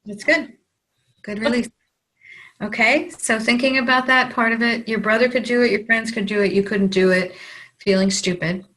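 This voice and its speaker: A woman practitioner guiding a tapping session, calmly giving phrases for the client to repeat. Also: on the high side, moderate pace. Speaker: EFT practitioner.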